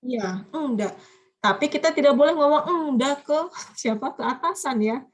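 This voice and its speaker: Female language teacher, higher-pitched, lively and coaxing. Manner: lively, coaxing students with questions, quick asides. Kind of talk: online class lecture.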